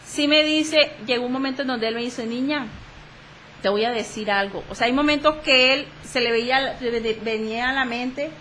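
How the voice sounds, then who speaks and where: A woman giving an emotional religious testimony on the radio, halting and repeating herself as she acts out the dialogue she quotes. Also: high-pitched, steady tone, sharp tone, a little hiss or hum, rough recording.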